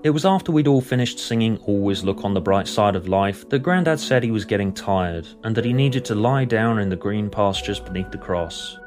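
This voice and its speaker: A man reading a scripted story in a deadpan, matter-of-fact way. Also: lowish voice, brisk, hardly any pauses, music in the background. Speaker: narrator. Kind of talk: scripted narration.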